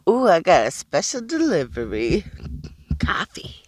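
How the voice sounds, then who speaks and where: Sleepy woman filming on her phone in a car, talks slow, laughs a lot, rambles to herself. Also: on the low side, wildly swooping pitch, a little mellow, breathy edge, no echo, studio quality. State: sleep-deprived and tired. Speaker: vlogger. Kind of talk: casual vlog talk. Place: inside a parked car.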